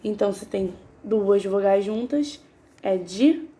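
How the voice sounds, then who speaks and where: In a warm, mid-range voice, a woman works through a grammar lesson, slowly breaking words into syllables. She stays patient and keeps asking the class questions.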